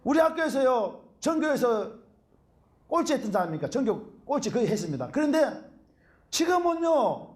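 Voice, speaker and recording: Speaking at normal speed in a very high-pitched voice, a middle-aged Korean man preaches with animation. He frequently calls out hallelujah during the sermon.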